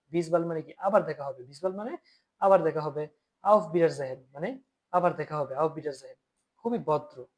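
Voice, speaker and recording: A man with a Bangladeshi Bengali accent is teaching German vocabulary. His voice sits a little high, and he asks questions, answers them himself and keeps checking in with his students. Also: darkish tone. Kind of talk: lesson explaining vocabulary.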